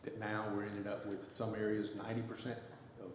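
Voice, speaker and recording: A council member with a Southern US accent, speaking bluntly and defiantly, halting with many fillers. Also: male voice, on the low side, completely flat delivery. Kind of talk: council debate remarks. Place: city council chamber. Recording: echoey council chamber, faint noise.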